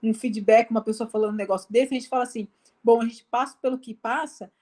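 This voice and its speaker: High-voiced Brazilian woman, chatty. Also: fairly even intonation, quick pace, mellow. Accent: Brazilian Portuguese. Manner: chatty, many fillers like "né" and "assim", acts out quoted dialogue. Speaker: guest, missionary. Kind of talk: casual testimony in a live video chat. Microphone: video call.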